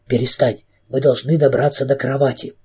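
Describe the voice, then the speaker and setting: A man's voice: medium pitch, little pitch movement, brisk, dark tone, slightly rough. A man voicing a pale, determined young boy who speaks firmly and sensibly. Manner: earnest, sensible, firm.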